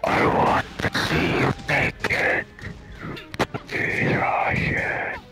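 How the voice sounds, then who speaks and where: A man in a gaming voice chat putting on a creepy whispering male stalker voice, slow and breathy, his mic clipping and distorting and cutting in and out. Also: loud music behind the voice. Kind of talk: gaming voice chat among friends.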